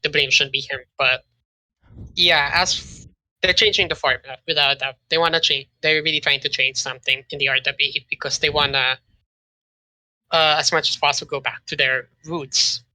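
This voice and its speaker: A young man as a podcast guest, talking in a loose, rambling way with many pauses and restarts. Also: fairly high pitch, fairly even intonation, sharp tone, poor audio. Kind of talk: casual podcast chat.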